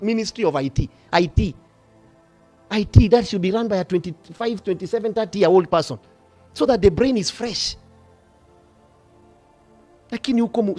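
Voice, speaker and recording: A middle-aged bishop with a Kenyan accent, preaching passionately, swinging from hushed asides to loud rebukes. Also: male voice, sits high. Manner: passionate, switching between whispers and shouting. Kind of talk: fiery sermon.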